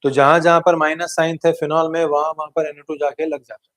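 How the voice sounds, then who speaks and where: A man's voice: fairly high pitch, flat delivery, fast, a bit bright, no room sound. Indian man teaching chemistry revision, dry sound. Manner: explanatory, mixing Hindi and English terms, frequent "theek hai" check-ins. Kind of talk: exam revision lecture.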